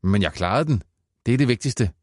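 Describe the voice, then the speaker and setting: A man's voice: mid-range voice, expressive, darkish tone, no echo, studio quality, voice pushed up, close to an everyday voice. A man reading aloud and voicing a sulky, anxious schoolboy who mumbles and then insists. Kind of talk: audiobook character voice.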